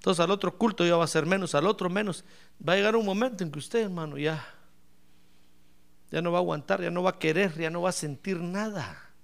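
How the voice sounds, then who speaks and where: A male pastor preaching a lively sermon, asking the congregation questions and swinging from shouts to soft asides. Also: high-pitched, fairly quick, gravelly. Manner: animated, playful, asks the congregation questions; bursts into shouts then drops to soft asides.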